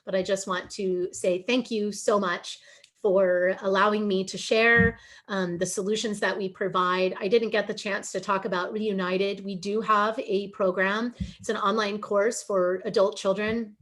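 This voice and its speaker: Female webinar speaker, earnest and emphatic, average pitch, video call. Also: fairly even intonation, a little slow, a bit bright. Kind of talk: emotional presentation.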